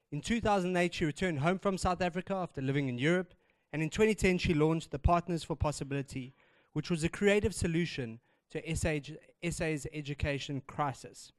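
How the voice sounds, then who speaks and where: A man's voice: fairly high pitch, no room sound. A man introducing the guest speaker at a business breakfast, reading formally with small stumbles. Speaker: event host introducing speaker.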